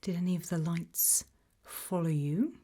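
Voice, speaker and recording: A British woman whispers breathily, playing an interviewer in an ASMR roleplay and asking gentle, measured questions. Her voice is on the low side and steady in tone.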